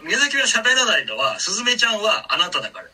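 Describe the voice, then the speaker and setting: Bright husky man, a bit off-mic. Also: sits high, wildly swooping pitch, fast talker. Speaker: podcast panelist. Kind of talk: casual chat about a film.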